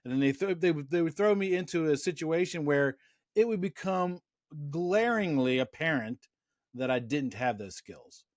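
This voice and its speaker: A man's voice: fairly high pitch, lively intonation, normal speed, no echo, clean studio sound. A middle-aged man hosting a casual interview, rambling through anecdotes and often restarting his sentences. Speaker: interview host.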